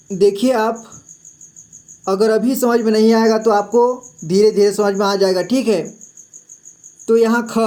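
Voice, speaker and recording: A man's voice: sits high, a little mellow. A man teaching Hindi syllables in a patient classroom style. He repeats each sound and checks in often. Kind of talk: slow classroom-style explanation.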